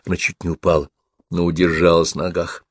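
A male narrator reading an audiobook in a steady, measured way. His voice sits very low, and the recording is dry and close with no room sound. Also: no echo.

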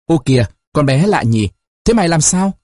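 A man doing a shrill, alarmed village mother. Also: very animated, normal speed, darkish tone, dry recording, studio quality. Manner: exclaiming in alarm. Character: shocked, shrill middle-aged mother.

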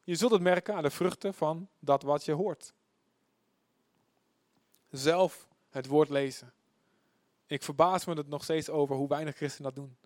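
A pastor preaches emphatically, repeating words for effect and swinging between loud bursts and hushed, drawn-out phrases. His voice is a little high with a steady tone, and the recording is dry.

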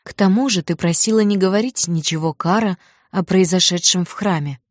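A woman voicing a loyal young woman friend who talks briskly and firmly. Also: lowish voice, no echo, clean studio sound, natural voice.

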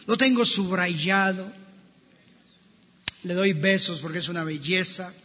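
A man's voice: sits high, unhurried, bright, forceful tone. A male pastor preaching a sermon in a church, emphatically addressing his congregation. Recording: long church reverb, dull lo-fi sound.

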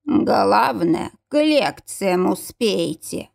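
Ancient talking iron gates from a fantasy storybook, speaking with a grating, metallic voice. Every word is slow and drawn out, solemn with a mocking edge, performed by a woman reading the audiobook. The pitch sits a touch lower than her narration and swings lively. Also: creaky, exaggerated voice.

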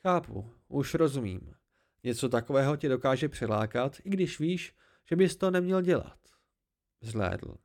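A man voicing a patient innkeeper storyteller who speaks lower and mildly, soothing a distraught friend, in an amateur audiobook. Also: animated, a little mellow, close to an everyday voice. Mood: calm. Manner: low, mild, soothing. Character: calm older innkeeper storyteller, patient, gentle.

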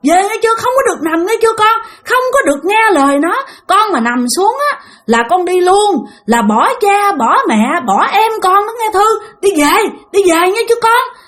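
A woman's voice: very high voice, very animated, normal speed, a bit bright, pitched above the performer's own voice, heavily acted. A woman voicing a very old man who urgently scolds and calls a girl home. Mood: pleading. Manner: urgent, scolding, repeated commands.

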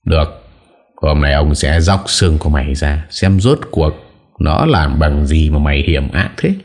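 A man's voice: rumbling low, expressive, moderate pace, darkish tone, full character voice. A male narrator voicing a furious, tyrannical old lord who roars and scolds with contempt. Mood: seething threat. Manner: roaring, harsh and contemptuous.

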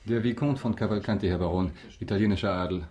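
Man playing suave, low-voiced Count of Monte Cristo. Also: dark tone, reverberant, lo-fi sound, natural voice. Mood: smooth. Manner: courtly, measured, subtly mocking. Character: suave, ironic aristocratic count, coolly controlled avenger. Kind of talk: German radio drama acting.

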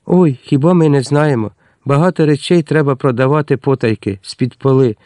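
A man's voice: medium pitch, moderate pace, mellow, no echo, clean studio sound, lightly acted. A man voicing a poor, timid young servant girl in a storybook reading, eager and pleading.

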